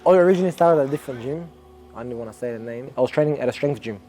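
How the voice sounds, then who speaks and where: A man's voice: mid-range voice, rapid-fire, mellow. A young Australian man, an amateur boxer, talking earnestly and reflectively in a documentary interview, often restarting his sentences.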